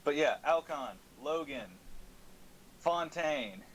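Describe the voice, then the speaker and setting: A man with a voice on the high side speaks slowly in a casual, informal chat, recapping a tabletop game he played in and swearing lightly. The recording is rough, with steady audible background noise.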